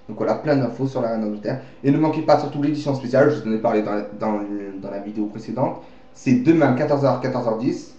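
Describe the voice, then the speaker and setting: A man's voice: mid-range voice, warm tone. A man presenting a home-made mock news bulletin, rambling, joking and often correcting himself. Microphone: webcam. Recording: dull, echoey webcam recording.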